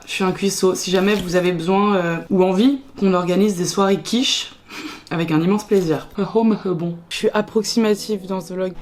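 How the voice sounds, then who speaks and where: A woman's voice: medium pitch, darkish tone, slight background noise. Young french woman vlogging, chatty and jokey about herself, hops topic to topic. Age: young adult. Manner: chatty, self-mocking, jumps between topics. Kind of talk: casual vlog chat to camera.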